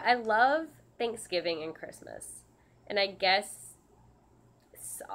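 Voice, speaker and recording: Hosting her channel's casual live question-and-answer stream, a service dog handler talks in a mid-range voice made nasal and scratchy by a sinus infection. Her speech is earnest and halting, full of ums and frequent restarts.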